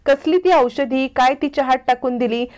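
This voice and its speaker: A scornful young woman from a family television drama, sharp and dismissive, as a woman reads her lines. The voice is fairly high. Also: moderate pace, smooth, lightly acted.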